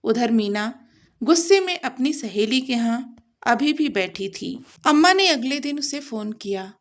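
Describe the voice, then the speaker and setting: A woman narrates a scripted family story in a measured, dramatic way. Her voice sits fairly high and she takes her time with every line. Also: expressive.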